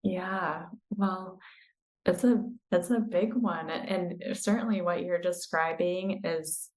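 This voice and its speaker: A woman in her thirties, a coach speaking as a podcast guest, explaining in an earnest, measured way. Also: on the low side, darkish tone, low-quality recording. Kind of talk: interview conversation.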